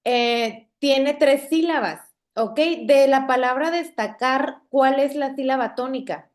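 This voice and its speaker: In a classroom with a projector screen, a high-pitched woman teacher with a Mexican Spanish accent slowly and patiently explains spelling and stress. She checks in with her students by saying "¿ok?" after nearly every sentence.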